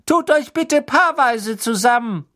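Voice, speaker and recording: A tiny, excitable old professor chirps orders in a high, squeaky voice, as a man reading an audiobook puts him on. He is brisk and a little scolding. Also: exaggerated voice. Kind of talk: audiobook character voice.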